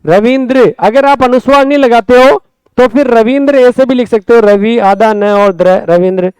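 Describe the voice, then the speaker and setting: High-voiced Hindi teacher, slow and clear. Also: male voice, darkish tone, no echo. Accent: Rajasthani Hindi. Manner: explains step by step, repeating words slowly; often asks the class quick questions. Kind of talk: Hindi grammar class lesson.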